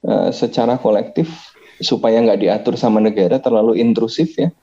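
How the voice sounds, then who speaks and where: A man with an Indonesian accent and a deep, very mellow voice talks through his ideas in a relaxed podcast chat. He hesitates often, filling gaps as he reasons aloud. The recording sounds dull and lo-fi. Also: normal speed. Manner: thoughtful, many hesitations. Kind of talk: casual discussion.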